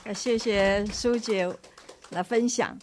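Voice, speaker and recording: A woman who hosts a church sharing, speaking softly and thoughtfully and sometimes almost whispering. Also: medium pitch, steady tone, takes it slowly, slight background noise. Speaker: host of a church sharing session.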